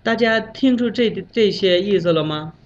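A man from Bangladesh, a foreigner speaking Mandarin as a second language, giving a prepared talk with animated storytelling. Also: high-pitched, moderate pace, a little hiss or hum. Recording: dull, lo-fi sound.

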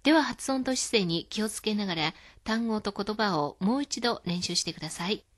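A woman hosting a scripted radio lesson, explaining words calmly. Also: mid-range voice, moderate pace. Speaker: Chinese language teacher.

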